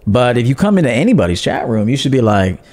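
A man's voice: medium pitch, big pitch swings, fast, darkish tone. A man hosting a livestream as a dating coach, talking in a blunt, profane, scolding way. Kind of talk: livestream monologue.

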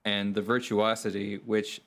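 A man's voice: lowish voice, level tone, unhurried, a bit bright. A man hosting a casual chat, thoughtful and appreciative, stammering a little as he restarts his sentences. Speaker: podcast host.

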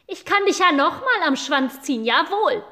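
A woman voicing a naughty little boy shrunk to tiny size, with a high, childlike way of speaking in a storybook reading. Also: animated, unhurried. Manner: pleading then defiant, childlike.

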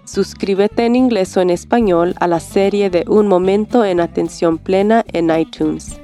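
A woman hosting a mindfulness series, speaking in a calm, soothing, measured way as she reads scripted self-help and guided meditation. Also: mid-range voice, faint music behind.

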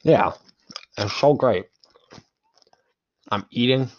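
A man's voice: mid-range voice, slow, a little hiss or hum. A young man chatting casually with his friends in joking gamer-bro banter full of slang. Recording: dull lo-fi mic sound.

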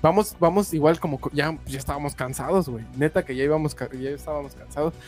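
A young man with a Mexican accent, a streamer casually telling a story in slangy, animated speech, dropping "güey" all the time. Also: a little high, fast, soft background music. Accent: Mexican Spanish.

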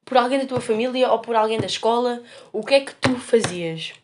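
A woman's voice: on the high side, a little fast, background noise. A young woman with a European Portuguese accent, telling a story in slangy casual chat with a podcast co-host, often laughing and a little short of breath. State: feeling hot, short of breath.

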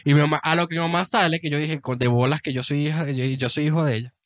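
A young man with a Venezuelan accent chats casually on a podcast, his voice sitting a bit high. He tells stories animatedly, acting out quotes and laughing often. The sound is dry and close. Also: fairly even intonation, quick pace, dry recording. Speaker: podcast co-host. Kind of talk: casual chat.

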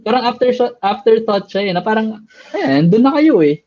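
A man's voice: high voice, sing-song, moderate pace. A man co-hosting a podcast, talking candidly and hesitantly, often trailing off with fillers. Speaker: podcast co-host. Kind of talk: casual candid chat. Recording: dull lo-fi sound.

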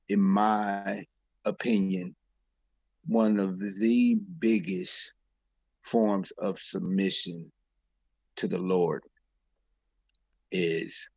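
A man with a gravelly, husky voice, reflecting in a slangy, casual Bible study discussion. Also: on the low side, darkish tone, no echo, dull audio. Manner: reflective, slangy, says bro.

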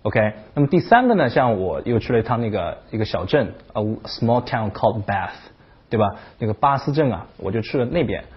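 A man hosting a casual video lesson on English, talking in an animated way and breaking off to imitate accents. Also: mid-range voice, a little fast, slightly rough, highs cut off. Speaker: English teacher, channel host.

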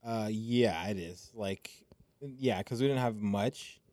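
A young man from Phoenix talks in a loose, rambling way, full of fillers and easy laughter. He sounds a little tipsy and loopy. His voice is lowish and mellow, recorded dry and close. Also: slow, no echo. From Phoenix, Arizona. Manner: laid-back and rambling, many fillers and laughs. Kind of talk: casual chat.

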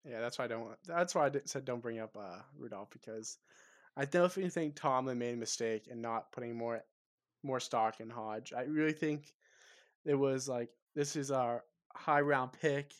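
A man's voice: medium pitch, moderate pace, no room sound. A man co-hosting a casual sports podcast, talking football with lots of ums and restarts. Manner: hesitant, many ums and restarts. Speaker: podcast co-host.

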